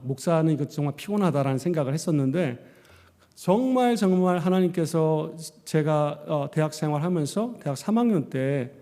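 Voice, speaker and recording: A male pastor preaching a sermon, telling his story with lively acted-out lines. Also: a little high, big-room sound. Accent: Korean. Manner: animated storytelling, acting out his own past words. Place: church sanctuary.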